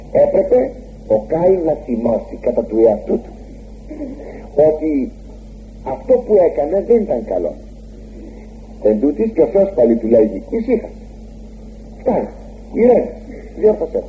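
A man preaches a sermon, retelling a scripture story with animated, swooping pitch on the emphasized words and repeated exclamations. The recording sounds tinny, like a phone, with a faint hum.

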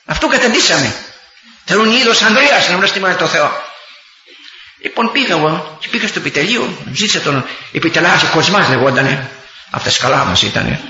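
Impassioned older priest, high and bright. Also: male voice, a little hiss or hum. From Greece. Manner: impassioned, rises to near-shouts, acts out dialogue. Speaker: priest, former army chaplain. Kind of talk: storytelling sermon. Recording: echoey, dull lo-fi room recording.

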